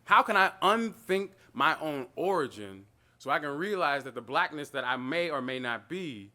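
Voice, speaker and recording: A man in his thirties gives an animated gallery talk about his own art. His pitch sits fairly high and swings a lot as he talks. His voice is bright, and he wanders off into stories, acting out the voices in them. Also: normal speed. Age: 30s. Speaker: artist talking about his own work. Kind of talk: gallery talk, casual storytelling.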